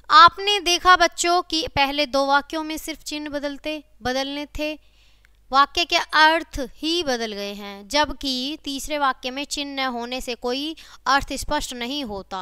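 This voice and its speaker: A woman's voice: sits high, pushed and bright, dry recording, clean studio sound. A woman teacher giving a grammar lesson to children, checking in with her students often and repeating key phrases.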